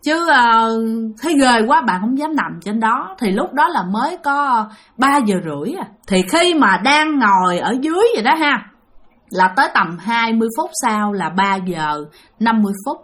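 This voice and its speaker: A woman's voice: on the high side, lively intonation, moderate pace, fairly bright tone. A woman with a Southern Vietnamese accent narrating a ghost story, chatty and talking straight to her listeners. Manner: chatty, addresses listeners directly.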